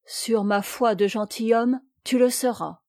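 A woman voicing a calm, courteous male lord in a storybook. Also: a little high, measured pace, no room sound, clean studio sound. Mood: gracious.

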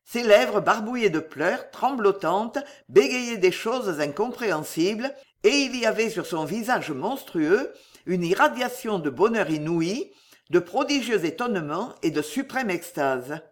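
A narrator giving a dramatic, expressive reading of a classic novel. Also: medium pitch, a little slow.

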